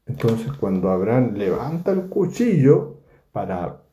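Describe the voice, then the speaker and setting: A man's voice: mid-range voice, measured pace. A man teaching a verse-by-verse Bible study, speaking animatedly and acting out the scenes he describes. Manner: animated, acts out the scripture scenes. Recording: echoey, dull lo-fi room recording.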